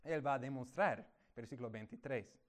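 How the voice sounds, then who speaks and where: A man preaching a sermon, teaching through a Bible passage verse by verse and raising his voice for emphasis. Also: normal speed. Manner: animated, rises in pitch and volume for emphasis.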